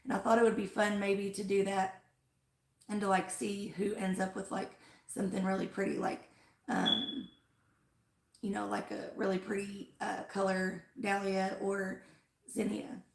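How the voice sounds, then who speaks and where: Still recovering from being sick and losing her voice, this woman rambles through a casual flower-farm livestream, filling gaps with "like" and "um." She speaks unhurriedly at a medium pitch with a flat delivery and vocal fry, and the room echoes.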